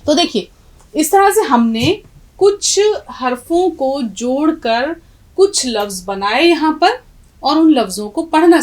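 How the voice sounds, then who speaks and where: A woman's voice: high voice, low-quality recording. A middle-aged woman from India teaching an Urdu lesson, spelling words letter by letter and giving learners direct instructions. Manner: spells words letter by letter, slowing on each sound. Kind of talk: classroom language lesson.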